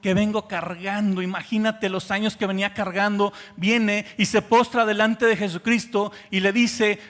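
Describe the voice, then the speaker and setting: A man with a Mexican Spanish accent preaches from the pulpit in a fairly high, lifted voice. His delivery moves between quiet, intimate stretches and swelling, emphatic appeals. The sound carries a long reverb of a large hall. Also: level tone, normal speed. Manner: impassioned preaching, swinging from soft to loud. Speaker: pastor. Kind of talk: sermon.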